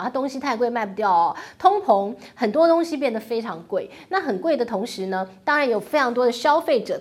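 A woman hosting a finance commentary show, talking in an animated way, full of rhetorical questions and wry asides. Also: a little high. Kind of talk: talk-show commentary on the economy.

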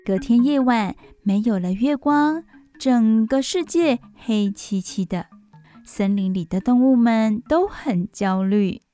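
A woman radio host reading a bedtime story for children, expressive, with asides to listeners. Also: a little high, slow pace, faint music behind. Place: radio studio.

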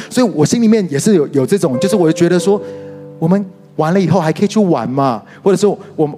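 A middle-aged man with a Taiwanese Mandarin accent preaching a sermon, telling stories animatedly with sudden leaps in pitch. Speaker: pastor and worship leader. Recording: reverberant hall with soft music behind.

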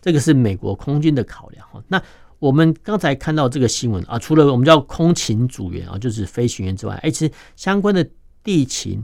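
A man, a defense journalist explaining military matters as an interview guest, filling his phrases with drawn-out "oh" and "ha" sounds. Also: medium pitch, dry recording, clean studio sound. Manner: peppers phrases with drawn-out "oh" and "ha" particles.

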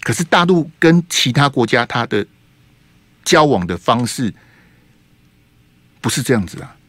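Lively male radio host. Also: mid-range voice, measured pace, no room sound. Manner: animated and rhetorical, tags sentences with 哈 and 啊. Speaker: radio talk show host. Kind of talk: political commentary monologue. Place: radio studio.

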